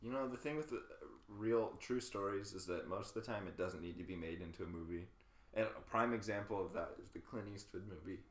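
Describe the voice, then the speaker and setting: A man with a lowish voice tears into bad films in blunt, swear-laden chat, laughing often. The room has a noticeable echo around him. It sounds like friends talking on a podcast. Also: brisk. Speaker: podcast co-host. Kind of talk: casual film chat.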